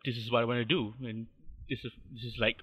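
A man's voice: medium pitch, level tone, fast talker, a bit bright, husky, poor audio. A man in his thirties with a Malaysian accent, a podcast guest talking in a hesitant, modest way with many fillers. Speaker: podcast guest, fan artist. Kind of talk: casual interview chat.

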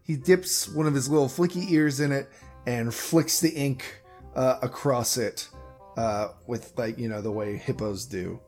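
A male game master narrates a tabletop game slowly and at a drawn-out pace, meandering and correcting himself mid-sentence. Faint guitar music plays behind his mid-range, darkish voice.

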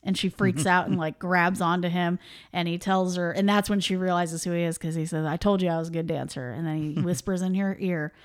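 Fairly quick and steady in tone, a lowish female voice carries a relaxed movie-review chat on a podcast she co-hosts. The young woman fills it with laughs, asides and lots of filler words.

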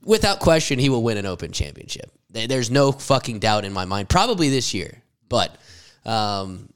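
A man with a smooth, clear voice talks loose golf banter on a podcast. His tone is animated and profane, and he often breaks into laughs. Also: fairly low pitch, moderate pace. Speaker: podcast co-host. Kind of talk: casual golf chat.

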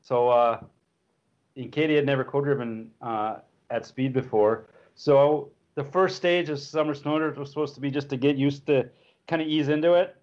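A man in his fifties, a rally driver, telling stories in a relaxed, chuckling way. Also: medium pitch, normal speed. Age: 50s. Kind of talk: casual storytelling. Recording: dull lo-fi recording.

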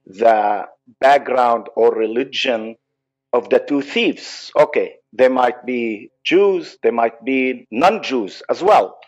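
Palestinian-accented guy on a podcast, earnest, stops and restarts a lot, muffled lo-fi audio. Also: medium pitch. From Israel. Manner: earnest, halting, many restarts. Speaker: psychologist guest. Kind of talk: podcast interview.

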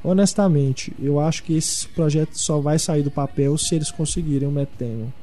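Male podcast host, relaxed and fairly high voice, casual news chat over faint music. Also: normal speed.

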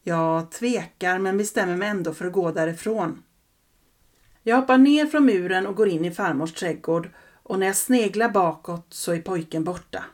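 A woman narrating a first-person childhood story in a calm, reflective way. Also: lowish voice.

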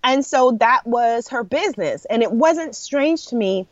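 A woman's voice: a little high, expressive, unhurried, no echo. Chatty New York woman, dull dry audio. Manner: warm storytelling with frequent laughs and "you know". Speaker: podcast guest, entrepreneur. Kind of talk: casual interview conversation.

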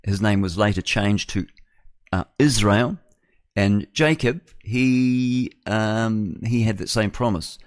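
A lowish, slow-paced voice belongs to a New Zealand-accented man in his sixties who, as a radio host, offers a rambling, digressive opinion monologue, speaking conversationally and using rhetorical tag questions. It is a dry, studio-quality recording.

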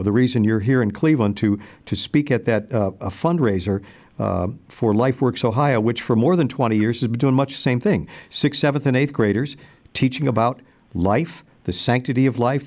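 A man hosting a radio interview, speaking in a measured, halting way with many pauses and restarts. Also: mid-range voice, darkish tone. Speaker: radio host.

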